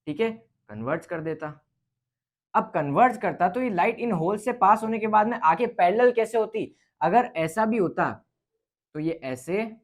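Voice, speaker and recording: A man works through a physics question as a teacher, thinking aloud. His delivery is casual and unhurried, and he pauses often to check that his students are following. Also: a little high. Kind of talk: explaining a lecture on light.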